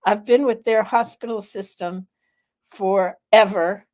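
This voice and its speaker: A woman in her seventies hosting a live vlog, telling a story in a slow, chatty way with many fillers. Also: mid-range voice, fairly even intonation, darkish tone. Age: 70s. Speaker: vlog host. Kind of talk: casual live vlog chat.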